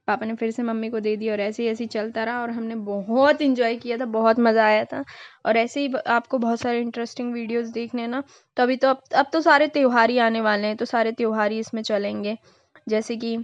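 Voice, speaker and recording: A woman's voice: a little high, no room sound, muffled recording. A young woman vlogger narrating her family's festival video in a casual, chatty way, dropping in English words now and then.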